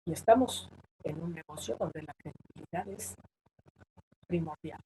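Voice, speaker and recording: A woman's voice: moderate pace, a little hiss or hum, low-quality recording. Emphatic woman teaching public speaking. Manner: emphatic, shifts pitch and loudness to demonstrate points. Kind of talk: online presentation workshop.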